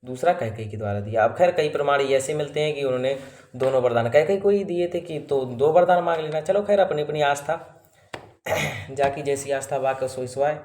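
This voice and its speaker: A man's voice: medium pitch, fairly quick, a little mellow. A man preaching a devotional sermon, telling an epic story and voicing its characters' dialogue. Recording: echoey roomy sound.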